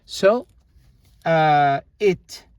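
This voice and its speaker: Slow, halting male language teacher. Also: on the high side, animated, a little mellow, clear, resonant tone, dry recording. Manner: unhurried, halting, with many fillers. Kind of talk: casual grammar lesson.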